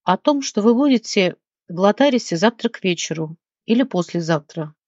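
A woman's voice: medium pitch, expressive, moderate pace, a little mellow, no echo, lightly acted. A woman reading an audiobook and voicing a small, whiny, greedy male gnome who wails and sulks. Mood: pleading. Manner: wailing, sulky and pleading. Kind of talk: audiobook character voice. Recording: dull, dry lo-fi recording.

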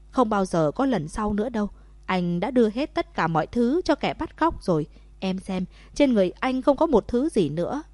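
A woman voicing a remorseful young husband who begs his wife loudly in a storybook. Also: mid-range voice, dry recording, close to an everyday voice. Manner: loud begging calls.

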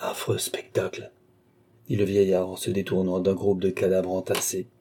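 A man reading a classic novel aloud in a measured, steady narration. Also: low-pitched. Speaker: audiobook reader. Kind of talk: literary narration.

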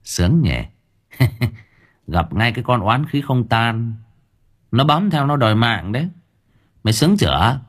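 A man's voice: mid-range voice, big pitch swings, unhurried, pauses often, pitched above the performer's own voice. A man voicing a sly, domineering young male exorcist who sweet-talks and threatens by turns. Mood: mocking. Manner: sweet-talking then threatening, teasing.

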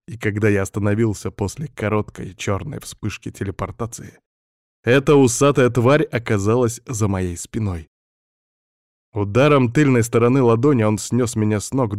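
A man reading a first-person story aloud in a steady, scripted audiobook narration. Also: mid-range voice, moderate pace, dry recording, studio quality.

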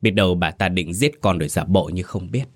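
A hushed, gossiping neighbor, read by a man. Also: deep voice, fairly quick. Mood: whispering suspicion. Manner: hushed, accusing. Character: suspicious gossiping village neighbor.

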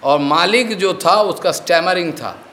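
Slow, high-voiced male spiritual teacher. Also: sharp tone, a little hiss or hum. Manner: keeps checking that listeners have understood; mixes English words into his explanations. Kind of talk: devotional discourse with storytelling.

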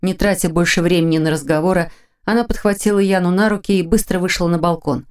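Woman, audiobook narrator, lowish voice, measured reading. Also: clean tone. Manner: even, measured storytelling. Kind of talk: scripted narration.

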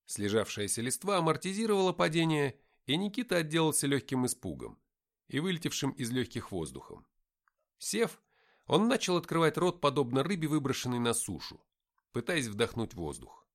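A man reading a first-person adventure audiobook, with lively, dry-humored storytelling. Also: on the high side, moderate pace. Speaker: audiobook narrator.

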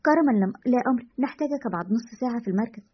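Woman doing a calm no-nonsense detective guy, quick and a bit husky. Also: on the high side. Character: calm, businesslike male lead investigator. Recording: dull lo-fi recording.

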